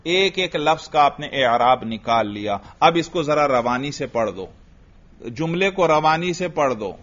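Man, grammar teacher, slightly high voice, asks and answers his own questions, dull lo-fi recording. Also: expressive, a bit bright. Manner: drills students with rhetorical questions, then answers himself.

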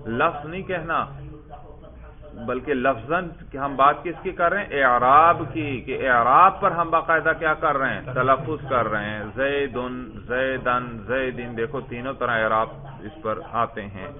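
Patient male teacher on lo-fi audio. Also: mid-range voice. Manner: patient, drilling, repeats answers slowly. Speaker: Arabic grammar teacher. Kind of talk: classroom teaching with questions. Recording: tinny phone-like lo-fi audio.

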